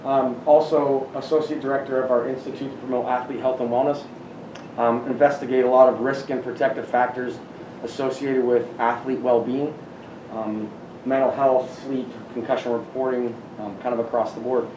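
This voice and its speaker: A man's voice: medium pitch, little pitch movement, normal speed. A middle-aged man from Canada introduces himself at a workshop in an upbeat, chatty manner. His voice is heard from a distance, in a roomy space with a faint hum. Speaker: assistant professor. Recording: roomy echo, distant mic, faint noise.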